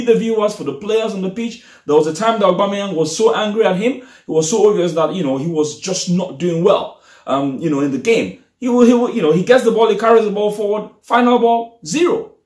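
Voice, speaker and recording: A man's voice: sits high, echoey room. A young man giving a casual, frustrated post-match reaction as a football fan vlogger, talking animatedly in a small room straight to the camera. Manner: animated, frustrated, gestures a lot while talking.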